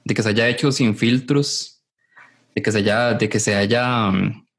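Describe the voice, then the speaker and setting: A man's voice: lowish voice, steady tone, unhurried, a bit bright. A man, hosting an interview and reflecting thoughtfully, often restarting his phrases. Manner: thoughtful, restarts phrases while searching for words. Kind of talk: casual conversation.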